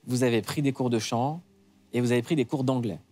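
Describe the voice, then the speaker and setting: A man's voice: mid-range voice, a little fast, mellow, soft background music. A man interviewing a guest. He asks short questions, sums up and prompts.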